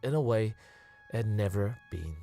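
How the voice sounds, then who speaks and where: A man narrating a story on a radio show, in a measured storytelling voice. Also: fairly low pitch, lively intonation, warm tone, soft background music. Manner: measured narration, quick laughing chat. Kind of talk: scripted narration and casual chat.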